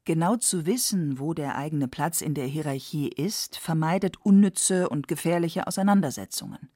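Woman, documentary narrator, scripted delivery, mellow tone, slightly low pitch. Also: moderate pace, no room sound, studio quality.

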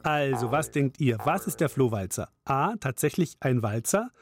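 A man presenting a children's quiz in a playful way, even humming a tune. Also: mid-range voice, normal speed, faint music behind. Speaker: quiz host.

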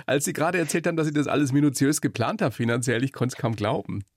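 A man's voice: mid-range voice, expressive, very fast, no echo, studio quality. A man interviewing his guest, asking curious, playful questions. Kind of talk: casual interview.

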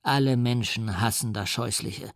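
A man voicing a huge, tormented male creature from an audiobook reading, speaking in a measured, grave way. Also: mid-range voice, creaky, dry recording, clean studio sound, close to an everyday voice. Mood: bitter.

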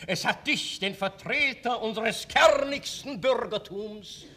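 An actor playing a vain, pompous playwright, insistently persuading in a theatrical, declaiming way. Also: male voice, high voice, slow, heavy background noise. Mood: triumphant. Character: vain, persuasive playwright reading out his play.

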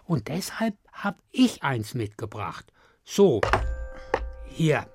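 A woman's voice: extremely low pitch, big pitch swings, takes it slowly, over music. A woman co-hosting a radio show, bantering playfully and chanting silly rhythmic verses. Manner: goofy, sings in a rhythmic chant. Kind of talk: playful studio banter and sung comic verses.

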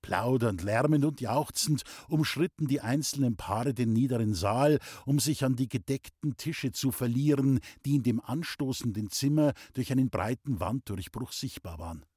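A man reading a novel aloud as an audiobook narrator, calm and even. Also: mid-range voice, moderate pace, hardly any pauses, slightly rough, dry recording, clean studio sound. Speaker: audiobook reader. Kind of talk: scripted narration.

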